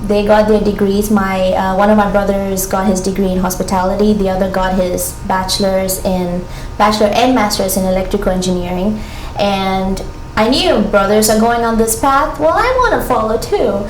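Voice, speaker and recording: A young woman from Ghana, an international graduate student, speaking reflectively and earnestly in a documentary interview, with frequent pauses and ums. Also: medium pitch, slight background noise. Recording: roomy sound with background music.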